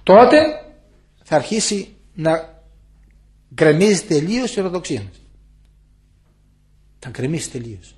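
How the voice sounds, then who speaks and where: An older man, an elder monk, giving an impassioned spiritual talk to visitors in a monastery guest room, moving from loud warnings to hushed asides. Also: fairly high pitch, sing-song, long pauses.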